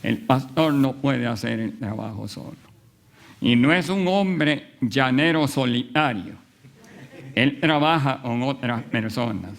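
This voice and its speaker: A man preaching a sermon, telling a story with frequent pauses and fillers. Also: medium pitch, lively intonation, gravelly. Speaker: pastor.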